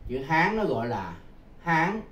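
A man explains a lesson slowly and deliberately, his fairly high voice rising and falling widely. He repeats key words and fills gaps with hesitant sounds, in an echoey room. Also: very animated, a bit bright, a little hiss or hum. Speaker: teacher.

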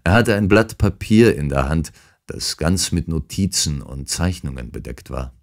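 A man reading an audiobook as narrator, in a measured, even storytelling manner. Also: very deep voice.

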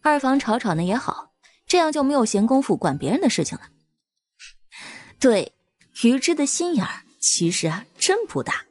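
Lively woman audiobook narrator. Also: sits high, normal speed, no room sound. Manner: lively, expressive storytelling.

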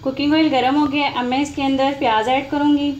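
A woman hosting a cooking channel, calmly narrating a recipe step by step as she cooks in a home kitchen. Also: high voice, fairly quick, highs cut off. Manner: calm, methodical, walks through each step. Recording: echoey kitchen with background noise.

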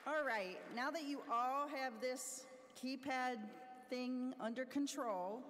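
A woman's voice: high-pitched, slow, a bit bright. Upbeat middle-aged woman at a podium mic, big hall echo, faint noise. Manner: upbeat, laughs between instructions. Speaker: convention presenter. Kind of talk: podium speech at a convention. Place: large convention hall stage. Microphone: podium microphone. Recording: long hall reverb, faint crowd noise.

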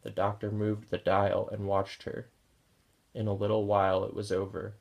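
Low, gravelly male novel reader. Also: completely flat delivery, normal speed, highs cut off. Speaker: audiobook reader. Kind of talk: novel read aloud.

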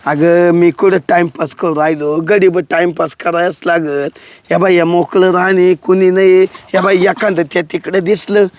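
A man playing a cautious, coaxing young village lover in a comedy sketch, who pleads with his girlfriend and gets excitable. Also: high voice, normal speed, dry recording, lightly acted.

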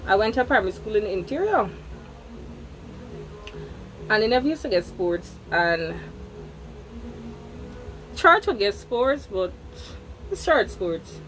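A woman's voice: medium pitch, big pitch swings, unhurried, long pauses, a bit bright, soft background music, low-quality recording. A young woman with a Guyanese Creole accent tells a personal story in casual chat, repeating words for emphasis. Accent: Guyanese Creole English. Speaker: vlogger.

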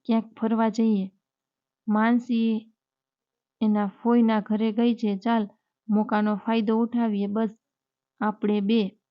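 A shy young college girl speaks her sweetheart's lines in a fairly high, flat voice, as a woman narrator reads her. The reading stays even and gentle. The recording sounds dull and lo-fi. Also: takes it slowly, long pauses. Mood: affectionate.

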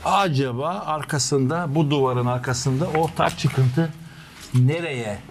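A man's voice: a little high, takes it slowly, a little hiss or hum. Dramatic male history tour guide. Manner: dramatic, addresses viewers and crew directly. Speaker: history vlog host and guide. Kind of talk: spoken on-location tour narration. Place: underground stone passages beneath old city. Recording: echoing underground chamber.

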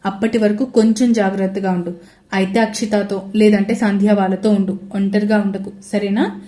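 A woman's voice: mid-range voice, little pitch movement, normal speed, mellow, pitched below the performer's own voice, close to an everyday voice. A woman voicing a caring young husband who comforts his wife over the phone in an audio story. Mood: reassuring. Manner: soothing, reassuring on the phone.

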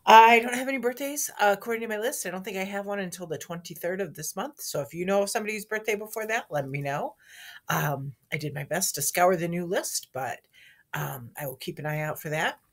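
A woman with a slightly low, hoarse morning voice reads the school morning announcements to a camera. She talks in a friendly, chatty way aimed at young children. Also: a little fast. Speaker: school staff member giving announcements. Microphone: speaking to a camera.

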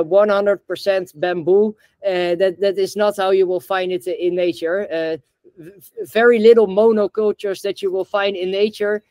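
Speaking over a video call from a room indoors, this young man from the Netherlands founded a bamboo reforestation effort and appears as the interview's guest. He talks haltingly, often restarting and filling gaps, in a high, somewhat dark voice with no echo.

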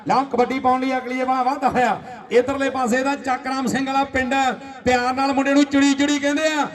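A man's voice: very high-pitched, little pitch movement, brisk. A man with a Malwa Punjabi accent giving frantic rural sports commentary, chanting and repeating short phrases. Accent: Punjabi, Malwa region. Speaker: kabaddi tournament commentator. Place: outdoor village kabaddi ground. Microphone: public-address microphone. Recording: distant outdoor public-address sound.

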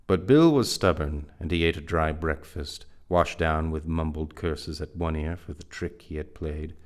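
Man, very low voice, dramatic novel reading, vivid storyteller narration. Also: a little slow. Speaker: reader.

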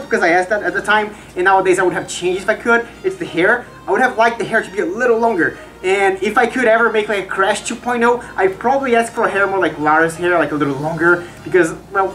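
A woman's voice: medium pitch, a bit bright, rough recording. A chatty, upbeat woman talking from inside a costume mask head, casually reviewing it with frequent restarts. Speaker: fursuiter reviewing her own costume.

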